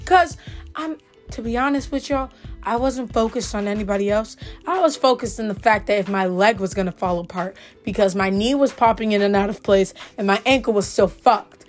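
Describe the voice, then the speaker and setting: Young woman, casual vlog, swears a lot, gossipy, a bit high voice. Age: young adult. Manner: profane, gossipy and animated. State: voice recovering from being lost. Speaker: color guard senior vlogging.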